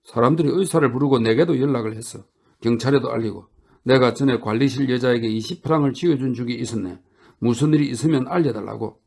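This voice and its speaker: A man's voice: medium pitch, fast talker, creaky, a little mellow, breathy edge. A man voicing a distraught husband in a storybook reading, pleading in a choked way.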